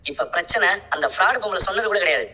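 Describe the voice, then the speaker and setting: A rapid, husky voice of a rational grown son, as a woman reads the part, arguing firmly with his mother in a serial scene. The tone is lower and bright-edged, with a long echo behind it. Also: expressive, heavily acted. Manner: reasoning, rapid and firm. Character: grown son, calm rational family man. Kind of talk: dramatic serial dialogue retelling.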